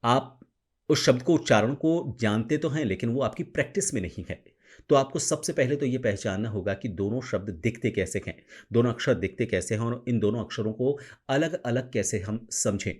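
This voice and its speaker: A man giving a pronunciation lesson, speaking slowly and carefully and showing each sound himself. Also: medium pitch, a little mellow, breathy edge. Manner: slow, careful, demonstrates sounds. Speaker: teacher of pronunciation. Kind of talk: spoken tutorial to camera.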